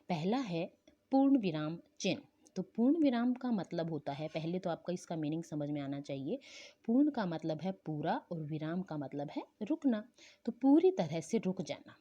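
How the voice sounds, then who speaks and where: This Hindi teacher's voice is lowish with a dark tone as she leads an online school language lesson. She patiently explains and frequently checks in with the class, heard through dull, lo-fi audio with a faint hiss.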